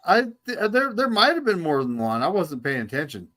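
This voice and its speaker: A man's voice: fairly high pitch, big pitch swings, a little fast, bright, forceful tone. A man in casual chat, telling anecdotes in an easygoing way. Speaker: podcast panelist.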